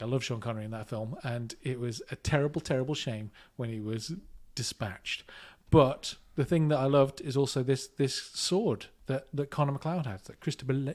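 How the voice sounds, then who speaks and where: A man chatting on a home podcast, recorded in his kitchen on a semi-professional mic. He rambles with enthusiasm, circling back with "like" and "you know" as he talks. His voice sits at an ordinary middle pitch. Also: normal speed, few pauses, darkish tone. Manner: enthusiastic, rambling, lots of fillers. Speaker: podcast co-host. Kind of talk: casual chat.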